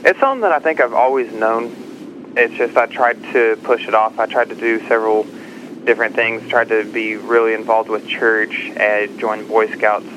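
A young man who grew up in Texas answers an interviewer's questions. He speaks haltingly and fills pauses with uh. His voice sits low, and clear noise runs behind him on the line. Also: steady tone, a bit bright, lo-fi sound. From Kansas-born, raised in Texas. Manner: halting, with frequent uh fillers. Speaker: guest, active-duty Marine.

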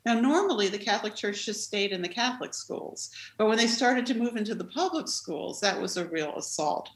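Woman interviewee, expressive storyteller, recorded in an echoey room. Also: medium pitch, a little fast. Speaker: interviewee, former activist. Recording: roomy echo.

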